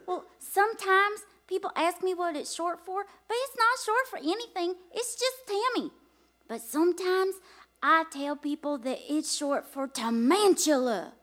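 A woman's voice: very high-pitched, unhurried, fairly bright tone. A woman voicing a chatty, awestruck five-year-old girl in a live comedy radio play. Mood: eager. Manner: eager, wide-eyed kid talk.

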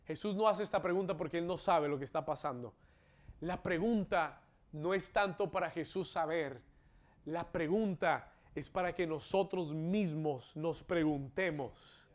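A man with a notably high voice preaches in a church service, speaking Spanish and echoing lines in English. He moves from quiet questions to fervent, rising exclamations. His delivery is that of a pastor working a live congregation. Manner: preaching, builds to exclamations and call-outs. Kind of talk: bilingual sermon with English echoes.

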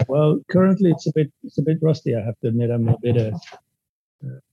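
Quick-paced and lively in intonation, a man with a mellow, breathy mid-range voice answers questions as a guest in a casual interview, hesitant and full of restarts and fillers. He's a native Spanish speaker from a Spanish-speaking country, brought up in Sweden, and the sound is lo-fi.

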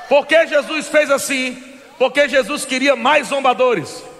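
A man preaching a sermon to a congregation, shouting and laughing fervently in a repetitive cadence. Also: very high voice, unhurried, in a large hall, slight background noise.

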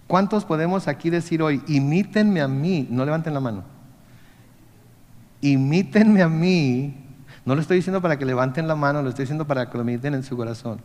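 A man's voice: medium pitch, a little mellow, long reverb tail. A man preaching a conversational sermon as pastor, often asking the congregation questions.

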